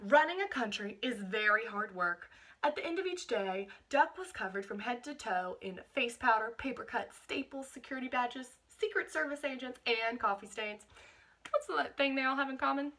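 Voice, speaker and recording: Acting as a teacher, a woman with a slightly high voice reads a picture book aloud to children expressively. She adds explanatory asides and asks the young listeners questions.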